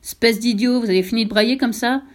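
A woman's voice: on the high side, fast talker, close to an everyday voice. A woman voicing an angry big male wild boar who scolds in an irritated voice, in a storybook reading.

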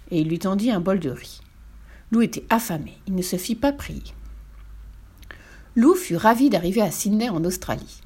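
A woman reading a children's storybook aloud as the narrator, in a lively, expressive way. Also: fairly low pitch, breathy edge.

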